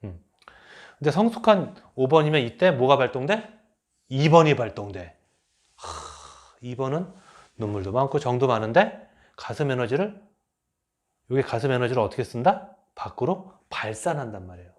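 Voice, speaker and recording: Lively male lecturer acting out examples. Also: medium pitch, normal speed. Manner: lively, acts out quoted remarks. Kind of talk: enneagram lecture.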